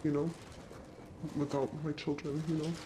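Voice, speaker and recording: An interviewed mother whose voice has been electronically altered to sound deeper, speaking haltingly. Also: little pitch movement, background noise.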